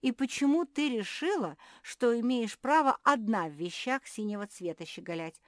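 A cheerful, giggly young pug girl who teases her friends, as a woman voices her. Her voice is high and lively. The recording is dry and close. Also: moderate pace, no room sound, close to an everyday voice. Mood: teasing. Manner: teasing, bright.

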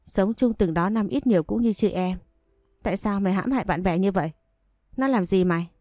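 A woman's voice: medium pitch, brisk, mellow, no room sound, studio quality, natural voice. Woman reading an accusing young roommate. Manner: harsh, accusing.

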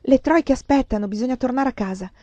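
A woman's voice: fairly high pitch, fairly quick, dry recording, lightly acted. A woman reading a jovial man calling out. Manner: calling out loudly. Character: jovial man shouting at a party. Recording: dull muffled sound.

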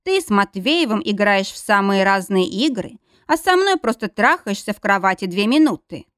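A woman's voice: mid-range voice, very animated, moderate pace, fairly bright tone, dry recording, clean studio sound. A woman voicing a jealous, grumpy man of seventy-five who grumbles and sulks. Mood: sulky. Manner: grumbling, sulky. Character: jealous grumpy 75-year-old man lover.

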